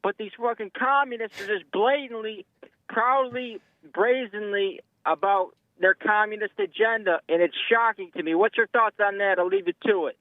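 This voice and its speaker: A man from the Chicago area calling in to a radio show, thin and bassless through the phone, talking bluntly and swearing freely. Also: moderate pace, no room sound. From Chicago area, USA. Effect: thin phone voice with no bass. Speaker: caller. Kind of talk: call-in radio chat. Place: in a car, then on a handset. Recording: tinny phone line, dry.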